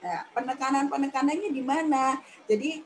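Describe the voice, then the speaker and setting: A woman's voice: moderate pace, a little hiss or hum, low-quality recording. A woman giving a talk on public speaking in a chatty, demonstrative teaching manner. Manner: chatty, demonstrative, acts out high-pitched examples. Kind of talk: radio talk lesson.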